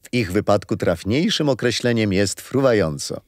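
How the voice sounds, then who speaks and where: In a children's radio play, a kindly old grandfather explains things patiently in a gentle, amused storytelling mood. His fairly low voice has lively intonation and a moderate pace, and the recording is close and dry with no echo.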